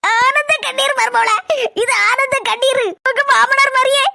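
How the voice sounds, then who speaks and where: A woman's voice: very high-pitched, fairly even intonation, moderate pace, gravelly. A woman playing a doting, weepy old village mother-in-law in a comedy sketch, melodramatic and tearful.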